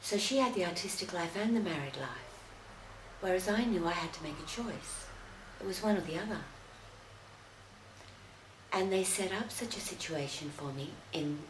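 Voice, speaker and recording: Low woman, halting casual commentary, echoey room, steady background noise. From Australia. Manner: halting, full of fillers and restarts. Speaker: video commentator.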